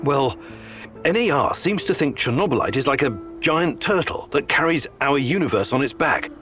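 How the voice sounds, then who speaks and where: A man's voice: medium pitch, animated, moderate pace, fairly bright tone, natural voice. An actor playing a guarded, level-headed male scientist in a video game, with music behind him. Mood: measured, dry. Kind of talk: video game dialogue acting.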